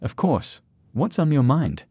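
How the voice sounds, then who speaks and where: A man voicing a patient boyfriend who speaks in a calm, measured way. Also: medium pitch, husky, dry recording, voice pushed up. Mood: calm tender.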